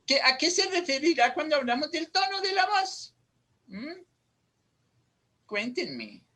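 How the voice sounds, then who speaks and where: A woman's voice: big pitch swings, measured pace, bright, forceful tone. A woman leading an oral expression workshop on a video call, affectionate and full of diminutives, moving her voice up and down to show tone. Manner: affectionate, uses diminutives, swings between high and low voice to demonstrate tone. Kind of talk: casual teaching over a video call.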